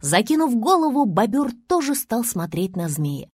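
Woman storyteller, breathy and lively; expressive children's story narration, dry booth sound. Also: normal speed, no echo. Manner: animated storyteller with big pitch swings.

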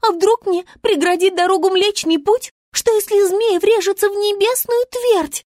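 A woman's voice: extremely high pitch, moderate pace, a little mellow, dry recording, pitched above the performer's own voice. A woman voicing a dramatic, haughty female star who talks in a theatrical, wailing, bossy way.

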